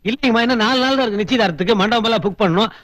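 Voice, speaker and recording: A man's voice: high voice, fairly bright tone, no room sound. An actor playing a melodramatic, fawning comic servant and bride's father in a film, with theatrical self-pity. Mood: pleading. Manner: wailing, theatrical self-pity with fast chatter. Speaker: estate worker and bride's father.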